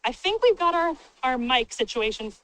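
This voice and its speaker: Moderating a town hall meeting as a member of city staff, this woman speaks plainly and casually in a big, booming voice through a handheld microphone. She's very animated and upbeat, moving at a normal speed.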